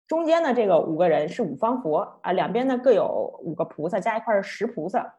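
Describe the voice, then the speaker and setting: A woman's voice: mid-range voice, a little fast. Chatty woman lecturer. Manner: lively, chatty, with laughs. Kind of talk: storytelling lecture. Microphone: online talk, computer mic.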